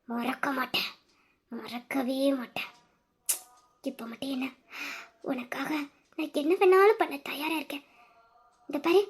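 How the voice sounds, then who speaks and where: A woman playing an obsessive scheming lover. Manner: low, menacing, drops into whispers. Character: obsessive young woman scheming to win back her lover. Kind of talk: audio drama acting.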